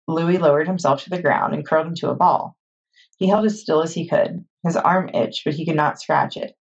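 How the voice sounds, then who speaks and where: A woman librarian reading a children's chapter book aloud in steady storytime narration. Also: low-pitched, slightly rough. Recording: dull lo-fi recording.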